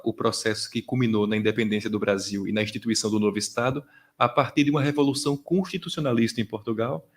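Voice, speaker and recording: A man moderating an academic conference, speaking in measured, formal wording. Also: mid-range voice. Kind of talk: academic remarks.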